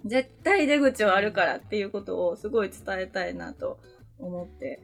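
A woman chatting as a guest on a podcast, soft-spoken and often laughing as she talks. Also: mid-range voice, expressive, normal speed, creaky, soft background music. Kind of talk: casual chat.

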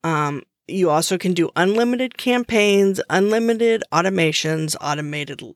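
Slow-talking woman hosting a podcast. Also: fairly low pitch, expressive, no room sound, clean studio sound. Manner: chatty, restarts often, uses fillers. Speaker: podcast host. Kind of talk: casual solo podcast explainer.

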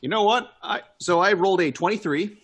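A man's voice: sits high, a little fast, fairly bright tone, soft background music. A man playing a tabletop game, joking, swearing and laughing a lot as he talks. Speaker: player. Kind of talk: casual game chat.

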